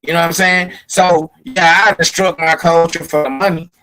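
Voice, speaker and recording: A man talking casually as a podcast host, lecturing in animated street slang over a patchy call. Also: fairly high pitch, moderate pace, rough recording. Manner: animated, preachy street talk. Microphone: remote call with connection breaking up.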